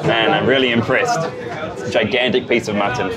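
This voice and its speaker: A man's voice: on the low side, fairly even intonation, a little fast. A man in his thirties hosting a travel vlog, explaining things casually and informally to camera. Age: 30s. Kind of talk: casual chat and commentary to camera. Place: busy street and small tiled eatery. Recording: crowd chatter around the voice.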